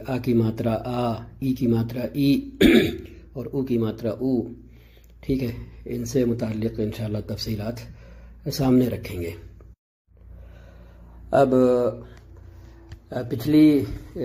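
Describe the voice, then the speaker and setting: A man teaching Arabic pronunciation in a slow, measured lesson, pausing often and repeating key letters. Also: mid-range voice, mellow. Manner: slow and measured, with frequent drawn-out pauses and repetition; clears his throat now and then. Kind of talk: explanatory lesson.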